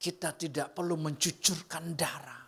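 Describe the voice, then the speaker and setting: A man with an Indonesian accent preaching a casual, chatty sermon. His voice sits a little high for a man. He keeps asking the congregation questions, and his delivery swings from loud, emphatic bursts to quiet, almost whispered lines. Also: fairly even intonation, normal speed, husky. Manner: conversational, often asks the congregation questions. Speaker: pastor.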